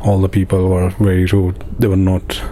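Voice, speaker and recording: A man from Afghanistan, giving halting personal testimony in an interview, with many pauses and restarts. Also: sits low, completely flat delivery, warm tone, a little hiss or hum. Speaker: interviewee, refugee in a camp.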